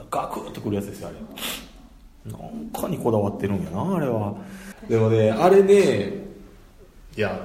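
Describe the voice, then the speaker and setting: A man's voice: fairly high pitch, mellow. A man with a Kansai accent talking through his views in a casual, chatty monologue, often laughing between points. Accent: Kansai Japanese. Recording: roomy echo.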